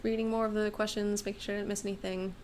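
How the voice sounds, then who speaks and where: A woman's voice: mid-range voice, flat delivery, racing, darkish tone, a little hiss or hum. Chatty woman losing her voice. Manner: rambling, chatty, many fillers and restarts. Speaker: livestream host and maker. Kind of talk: casual livestream chat, answering viewer questions.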